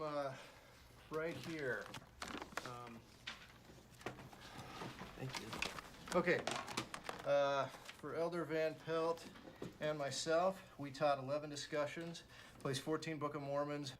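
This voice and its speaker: A man's voice: a little high, background noise, lightly acted. A young man playing an easygoing, peacemaking missionary who speaks matter-of-factly. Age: young adult.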